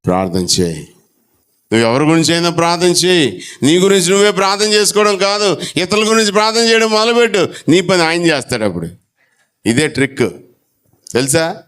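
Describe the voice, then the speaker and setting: A man preaches in church. His voice sits a little high and sounds smooth and resonant. He moves between loud calls to the congregation and soft, low asides, and acts out conversations as he goes. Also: fast talker. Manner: animated preaching, with sudden drops to a low, soft voice. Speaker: pastor. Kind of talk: sermon.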